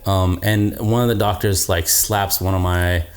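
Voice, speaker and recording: A man's voice: low voice, steady tone, unhurried. A man hosting a podcast and telling a personal story in casual chat, blunt and profane, laughing as he talks.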